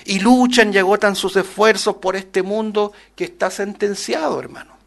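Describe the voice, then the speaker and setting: A man preaching a Bible-study sermon, rising loud on scripture quotes and dropping soft on asides, often calling listeners "brother" and asking rhetorical questions. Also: sits high, normal speed, vocal fry. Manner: addresses listeners as "hermano", many rhetorical questions.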